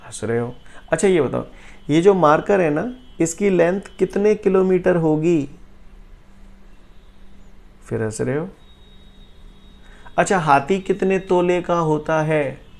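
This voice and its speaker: A man teaching a physics class in a jokey, teasing way, who keeps checking "clear?" his students. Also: slow, long pauses. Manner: jokey, keeps asking "clear?" and "bolo bhaiya"; swings from low explaining to loud excited teasing. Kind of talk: classroom lecture.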